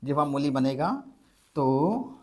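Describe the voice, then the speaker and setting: A man's voice: medium pitch, mellow. Guy teaching grammar, asks his own questions then answers them, drags out the example words. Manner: slows to spell out examples syllable by syllable. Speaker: Sanskrit teacher. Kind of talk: blackboard grammar lesson.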